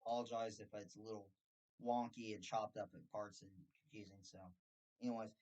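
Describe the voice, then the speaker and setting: A man hosting his channel, telling a story about a scam call in a sarcastic, animated way. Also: fairly low pitch, fairly quick. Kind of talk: casual storytelling monologue.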